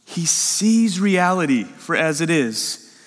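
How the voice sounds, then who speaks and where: Male pastor, higher-pitched, emphatic sermon delivery, big hall reverb. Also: takes it slowly. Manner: animated, emphatic, rising with excitement. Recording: long reverb of a large hall.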